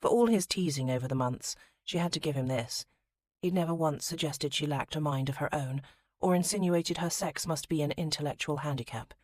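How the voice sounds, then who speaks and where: Low-voiced woman reading an audiobook. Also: brisk, darkish tone, dry recording. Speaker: audiobook narrator. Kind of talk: audiobook narration.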